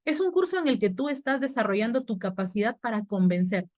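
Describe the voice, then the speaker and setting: A woman's voice: a little high, very animated, brisk. A woman teaching a university writing class in an online webinar, explaining step by step and asking her students questions. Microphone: webinar computer mic.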